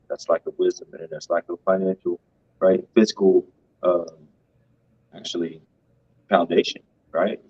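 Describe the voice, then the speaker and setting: A man's voice: sits low, darkish tone, breathy edge, highs cut off. A man co-hosting a finance show, giving casual, emphatic commentary and tagging his points with "right?".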